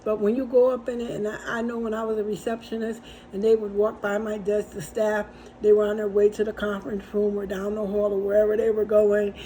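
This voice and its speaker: Warm-voiced middle-aged woman giving encouragement. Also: medium pitch, flat delivery, a little fast, hardly any pauses, a little hiss or hum, poor audio. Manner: conversational and repetitive, with storytelling asides. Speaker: host and encourager. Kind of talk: casual faith-based encouragement talk.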